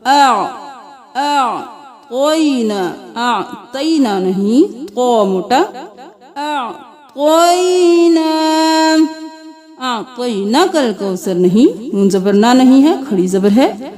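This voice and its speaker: A woman recitation teacher who chants each phrase slowly and melodically, then gives rapid spoken corrections. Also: high voice, lively intonation, darkish tone.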